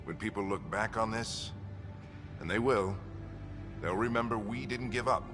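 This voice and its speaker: Casting: male actor as seasoned sci-fi team leader, very low voice, authoritative, fatherly, rousing, over a clear musical score. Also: moderate pace, music in the background, natural voice. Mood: rousing, commanding. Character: seasoned male expedition commander and father, inspiring, steady. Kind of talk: cinematic video game acting.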